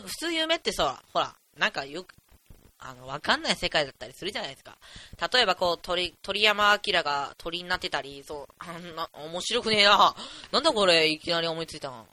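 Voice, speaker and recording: A teenage boy of about fifteen hosting a solo podcast, rambling in an excitable, chatty, jokey way at a desk mic. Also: high voice. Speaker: podcast host.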